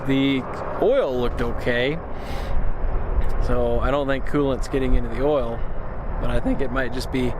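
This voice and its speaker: A man chatting casually to the camera as he vlogs a road trip. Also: mid-range voice. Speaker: vlogger. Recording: very noisy outdoor vlog recording.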